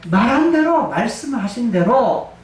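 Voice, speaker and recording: A man's voice: very high-pitched, very animated, measured pace, a little hiss or hum. A male pastor preaching a sermon, emphatic, asking and answering his own questions. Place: church sanctuary. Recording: echoey church hall, distant mic.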